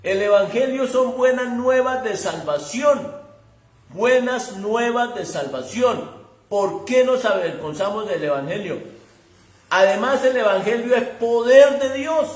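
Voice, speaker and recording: A man preaching a sermon in a conversational, emphatic way, speaking straight to his listener. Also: sits high. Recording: echoey room.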